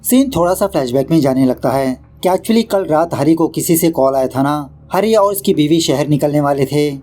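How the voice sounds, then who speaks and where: A man's voice: fairly high pitch, lively intonation, mellow, soft background music. A man narrating a casual recap of a horror film, mixing in English words and joking at the director. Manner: brisk storytelling with English words mixed in; quips at the film's director. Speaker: movie explainer.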